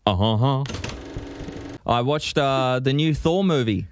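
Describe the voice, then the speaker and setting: A man's voice: medium pitch, takes it slowly, a little hiss or hum. A man co-hosting a podcast, chatting casually and animatedly, swearing freely. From New Zealand. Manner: animated, swearing, frequent "you know what I mean". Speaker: podcast co-host. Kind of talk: casual chat.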